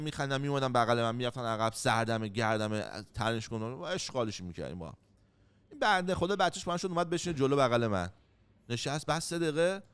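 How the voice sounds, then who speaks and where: A man's voice: mid-range voice, smooth. A man from Iran telling a personal story in casual chat, blunt and heated, with plenty of swearing.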